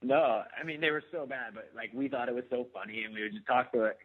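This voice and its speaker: A man's voice: mid-range voice, fast. A man in his thirties, an actor, chatting casually as a guest, rambling with lots of fillers and easy laughter. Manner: relaxed, rambling, many fillers, laughs easily. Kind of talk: casual phone interview. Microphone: phone line. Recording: tinny phone line.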